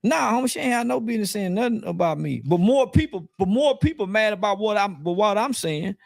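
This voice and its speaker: High-voiced man ranting bluntly. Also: expressive, fairly quick, creaky, no echo, studio quality. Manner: profane, blunt, repeats himself; defiant and angry. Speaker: interview guest. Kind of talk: heated interview rant.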